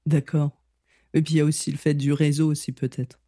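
A man's voice: on the high side, level tone, fairly quick, mellow, dry recording, clean studio sound. A man hosting a podcast interview, chatting in a friendly way with frequent filler sounds. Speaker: podcast host. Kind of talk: casual interview chat.

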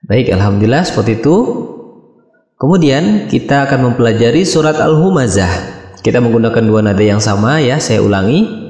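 A man with a mid-range voice calmly explains recitation melodies as a teacher. His voice rings in a roomy space with a long echo. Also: medium pitch, brisk. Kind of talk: online tutorial. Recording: echoey room with long reverb.

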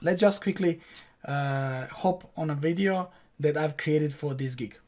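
This online course instructor, a young man from Croatia, has a Croatian accent and a voice on the high side, slightly mellow and measured in pace. Working from his home office, he walks through a screen-share tutorial in a loose, casual way, full of fillers and false starts.

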